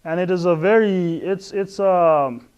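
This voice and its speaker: A middle-aged man from West Africa with a fairly high speaking voice gives an introductory talk on faith. He explains earnestly and patiently, stopping often to hesitate and restart his sentences. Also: measured pace, darkish tone, clear, resonant tone, muffled recording. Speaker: Islamic lecturer.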